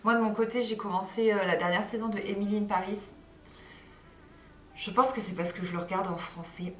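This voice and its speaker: A woman in her thirties chatting casually to camera as a vlogger, tired, with lots of fillers and lively asides. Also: mid-range voice, a little fast, slight background noise. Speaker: lifestyle vlogger. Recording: roomy echo, mic a bit far.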